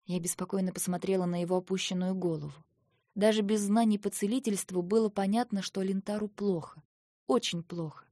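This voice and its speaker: A woman reads a first-person fantasy novel aloud in an expressive voice that moves between quiet and heated. Her voice sits at a middle pitch, and the recording is dry and close. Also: no room sound. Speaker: audiobook narrator. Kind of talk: first-person audiobook narration.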